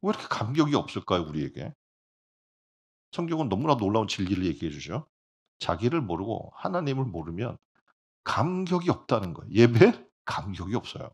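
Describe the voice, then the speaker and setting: A male pastor preaching a sermon in an animated way, often putting rhetorical questions to the congregation. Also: fairly low pitch, brisk, breathy edge.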